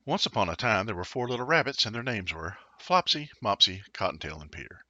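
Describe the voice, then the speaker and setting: A man's voice: fairly low pitch, big pitch swings, brisk, pushed and bright, no echo, dull audio. A man narrating a children's storybook as a storyteller, expressively, with dramatic and playful emphasis.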